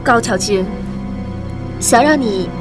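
A woman playing a fierce, stubborn young woman who speaks forcefully and accusingly. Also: a little high, takes it slowly, music in the background.

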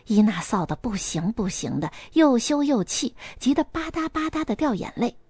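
A woman narrating a story in a lively, colloquial way, voicing each character. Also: fairly high pitch, normal speed, husky, no echo.

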